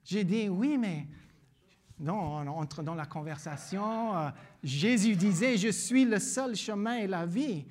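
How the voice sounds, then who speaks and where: A man from Louisiana with an American accent, a pastor whose first language is English, preaching earnestly, repeating words and pausing with fillers. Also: high voice, animated, a little mellow. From Louisiana, United States. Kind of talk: sermon with personal story.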